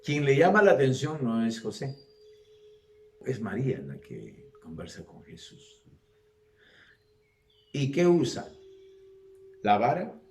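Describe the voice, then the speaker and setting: A man's voice: medium pitch, slow, long pauses, echoey room. A man preaching a sermon with rhetorical questions, acting out the people he talks about. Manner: animated, acts out voices, rhetorical questions.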